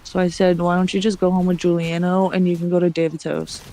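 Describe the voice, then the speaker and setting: A woman's voice: lowish voice, little pitch movement, fast, warm tone, slight background noise. A woman streamer telling a long story in casual chat. She acts out the other people's lines and swears often.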